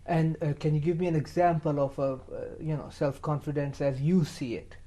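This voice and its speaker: Gentle-voiced man hosting a youth show. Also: a little high, steady tone, a little fast. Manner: hesitant, many fillers and restarts. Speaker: TV show host. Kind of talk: studio talk show hosting.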